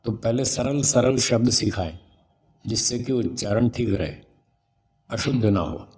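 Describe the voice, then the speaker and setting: A man's voice: mid-range voice, measured pace, darkish tone. A man speaking as a swami and spiritual teacher, giving a religious discourse on raising children, explaining patiently and sounding out syllables to demonstrate them.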